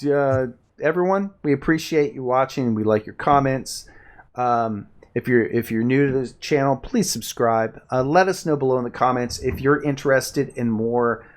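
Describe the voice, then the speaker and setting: A man's voice: medium pitch, moderate pace. A man co-hosting a casual chat show who explains things in detail and hedges often. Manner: explanatory, hedging, detail-focused. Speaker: podcast co-host.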